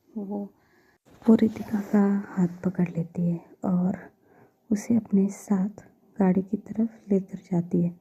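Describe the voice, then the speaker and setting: A woman storyteller narrating a romance story in a soft, often half-whispered way. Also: medium pitch, breathy edge, lo-fi sound.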